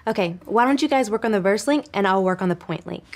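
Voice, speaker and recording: An actress playing an encouraging young team leader in a kids' show, upbeat and organizing. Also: female voice, medium pitch, expressive, fast. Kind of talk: scripted kids' show acting.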